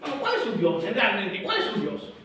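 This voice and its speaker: A man's voice: sits high, huge pitch swings, moderate pace. A male pastor preaching a sermon, emphatic and full of rhetorical questions put to the congregation. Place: church. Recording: echoey church hall from far off, faint noise.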